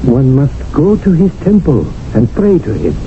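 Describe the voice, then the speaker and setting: An actor with a highish voice, big pitch swings and normal speed narrates as a wry, scheming male household servant in an ornate, theatrical 1970s radio drama style. His delivery is sly and theatrical. The audio sounds like a tinny old radio broadcast with music and slight background noise.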